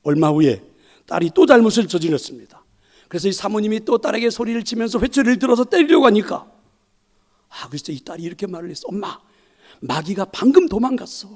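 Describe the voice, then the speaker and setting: A male pastor preaching a sermon, asking the congregation questions, dropping to near whispers and then rising to loud emphatic lines. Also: sits high, expressive, quick pace. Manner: swings between loud emphatic lines and soft whispered asides; addresses the congregation directly, asks rhetorical questions.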